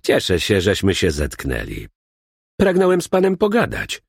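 A man's voice: low-pitched, wildly swooping pitch, normal speed, creaky, husky, no room sound, studio quality, exaggerated voice. A man voicing a thin, shabby, middle-aged male hustler who lisps and talks in a pushy, wheedling way. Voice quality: lisping.

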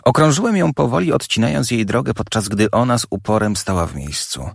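A man narrates a first-person audiobook with dramatic intensity. His low voice has a gravelly grain and swings widely in pitch. The recording is dry and close. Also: expressive, fairly quick, dry recording.

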